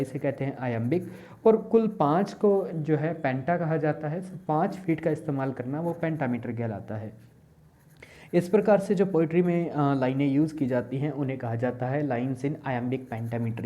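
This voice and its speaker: Woman, recorded college lesson, low and mellow, unhurried teaching delivery. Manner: explains slowly, reads English examples aloud and then explains them in Hindi; uses frequent fillers. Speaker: college lecturer. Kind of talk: recorded lecture explaining poetry in Hindi and English.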